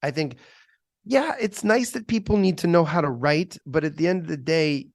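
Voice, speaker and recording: Host, man with a gravelly voice, rambling and chatty, dry close sound. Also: fairly high pitch, moderate pace, no echo. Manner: rambling, many fillers and restarts, chatty. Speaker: interview host. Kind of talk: casual interview.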